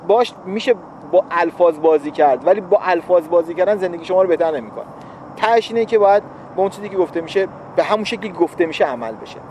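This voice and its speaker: A man's voice: high-pitched, a little mellow, a little hiss or hum. A man in casual talk to viewers, explaining his view of the relationship in a reflective way and repeating points for emphasis. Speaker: husband explaining relationship advice.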